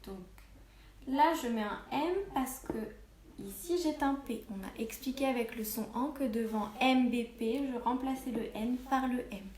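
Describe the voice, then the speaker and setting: A woman teaching a reading lesson and dictation to young children, articulating each word slowly and with stress. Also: a little high, darkish tone, echoey room, a little hiss or hum. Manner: slow, carefully articulated, stresses each syllable. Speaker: primary school teacher.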